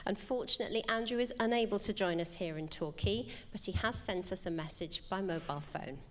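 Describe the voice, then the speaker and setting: A woman's voice: medium pitch, brisk, slight background noise. A woman hosting an awards ceremony, presenting winners and asking upbeat, encouraging questions. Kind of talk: presenting and on-stage interviewing.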